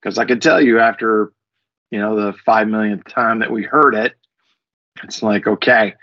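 A man's voice: lowish voice, normal speed, bright, forceful tone, no echo. A middle-aged man co-hosting a morning podcast, chatting casually and rambling with fillers and restarts. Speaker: podcast co-host. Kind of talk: casual morning show chat. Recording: dull lo-fi sound.

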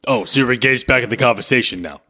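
A man's voice: medium pitch, quick pace, bright, forceful tone. A man playing a bossy, profane ad man who barks orders in improvised comedy. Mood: angry. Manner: angry, barking orders, profane. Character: bossy foul-mouthed male ad man. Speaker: podcast co-host. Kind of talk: improvised comedy role-play.

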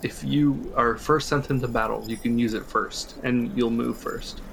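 A man with a gravelly, fry-edged voice talks through game strategy in a relaxed podcast chat. He explains at length and chuckles along the way. A faint hiss sits under the recording. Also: medium pitch, normal speed. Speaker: podcast co-host. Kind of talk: casual chat.

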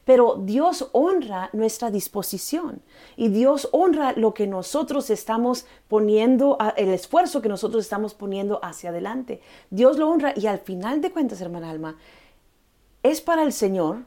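Middle-aged woman chatting earnestly about faith, mellow warm voice, mixes in english words. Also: on the high side, expressive, moderate pace. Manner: earnest, conversational, sprinkles English words into Spanish. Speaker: podcast host. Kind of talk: casual faith talk.

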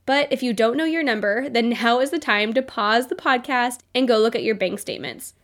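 A woman's voice: on the high side, fairly quick. A young adult woman hosting a solo business podcast, upbeat and motivational, her voice nasal from a cold. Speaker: podcast host.

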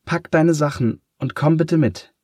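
A man voicing a flustered female schoolteacher, cold and hostile toward a strange pupil, in a hurried, clipped manner. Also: a little high, darkish tone, no room sound, studio quality, voice pushed up. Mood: stern.

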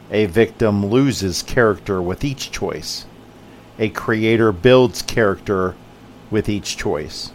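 Male podcast host, slow deliberate read, somewhat low voice, emphatic motivational monologue. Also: slight background noise. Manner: measured, emphatic contrasts.

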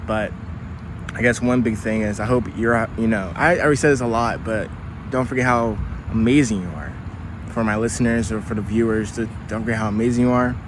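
An American man with a lowish voice speaks briskly, hosting his podcast as a phone video recorded outdoors on wireless earbuds near traffic and a train line. His talk is casual, upbeat and encouraging, motivational vlog style, rambling with many fillers. Street and car noise comes through clearly.

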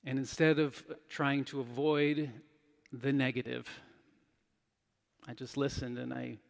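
A man's voice: mid-range voice, little pitch movement, measured pace, vocal fry, big-room sound. A man giving a sermon, telling a personal story in a candid, self-deprecating way. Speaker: pastor.

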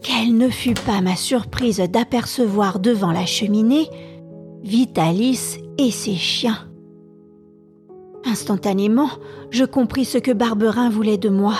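Woman storyteller, slow deliberate narration, breathy voice, soft music underneath. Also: fairly high pitch. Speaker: podcast storyteller. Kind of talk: scripted narration of a novel.

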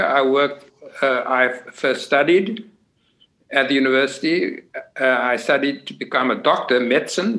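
An older man with a South African accent, recalling his past in a halting way with many pauses and fillers. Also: medium pitch, fairly bright tone, low-quality recording. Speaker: guest. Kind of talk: conversational family interview.

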